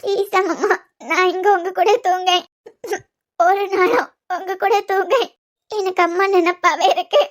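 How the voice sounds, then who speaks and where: A woman playing a young wife with a Kanyakumari accent, her voice very high and pleading, on the edge of tears. She sounds heartbroken and small, like a heroine in a cartoon love serial. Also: steady tone, a little fast. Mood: tearful. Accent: Kanyakumari Tamil. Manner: pleading, sniffling. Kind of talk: cartoon web series voice acting.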